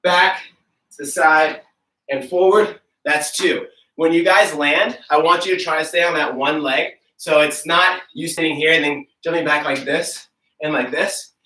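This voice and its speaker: A man's voice: a little high, steady tone, a little slow, bright, forceful tone. A young man coaching an online workout, out of breath as he explains and demonstrates the moves in an upbeat, casual way. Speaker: fitness coach. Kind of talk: live online workout instruction. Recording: roomy echo, from far off.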